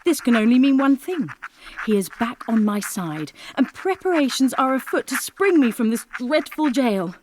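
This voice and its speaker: An actress playing a proud, scheming captive queen, reading her diary and letters dramatically and deliberately in an audiobook. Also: high-pitched, animated, darkish tone. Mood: hopeful, scheming.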